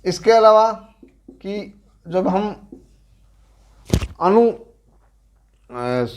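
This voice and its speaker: Slow, deliberate Rajasthani male teacher. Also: sits high. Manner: slow, deliberate explaining with pauses and self-corrections. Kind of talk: Hindi grammar lecture.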